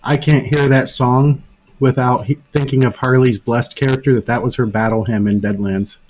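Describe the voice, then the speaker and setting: A man with a medium-pitched voice talks casually during a tabletop game. Faint noise sits behind his voice. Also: fairly even intonation, moderate pace, darkish tone, rough recording.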